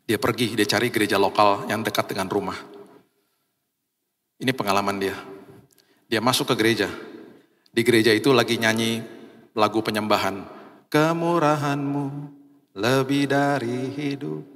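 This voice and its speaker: A man's voice: on the low side, fairly even intonation, moderate pace, pauses often, fairly bright tone. A man preaching a sermon as a pastor, animatedly acting out the voices of people in his story. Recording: reverberant church hall.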